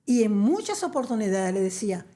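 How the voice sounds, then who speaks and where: A woman from Venezuela, telling her story in an interview; she hesitates with many fillers and restarts, then turns lively and emphatic. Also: mid-range voice, brisk. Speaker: interview guest. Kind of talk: conversational storytelling.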